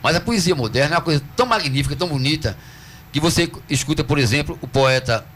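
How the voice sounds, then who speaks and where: A man from Northeast Brazil with a Northeastern accent, a cordel poet answering interview questions in a radio studio, earnest and teacherly, slowing down to stress syllables. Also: a little high, lively intonation, fairly bright tone, slight background noise. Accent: Northeastern Brazilian Portuguese. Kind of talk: radio interview, explaining at length.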